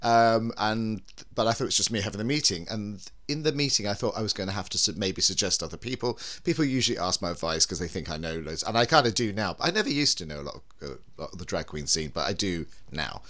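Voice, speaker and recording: Camp man with a lively, swooping delivery. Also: on the low side, fast talker. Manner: camp, theatrical. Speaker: podcast host, drag performer. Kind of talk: theatrical show introduction and casual chat.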